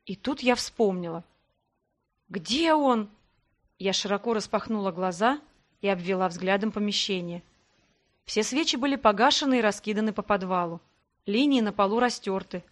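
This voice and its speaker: A woman narrating a first-person fantasy audiobook in an expressive voice with dry irony. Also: medium pitch.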